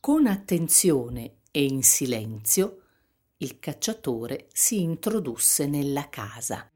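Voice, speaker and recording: Low-voiced woman reading a fairy tale. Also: slightly rough. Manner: calm, measured storytelling. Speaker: narrator. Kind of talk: storybook reading.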